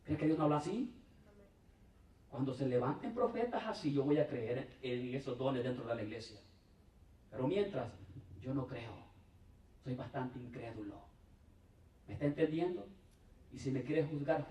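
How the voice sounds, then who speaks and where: A male pastor preaching a conversational sermon, often calling out to his congregation, with emphatic swings between raised and hushed delivery. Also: medium pitch, normal speed, pauses often. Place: church. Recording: roomy church hall, mic at a distance.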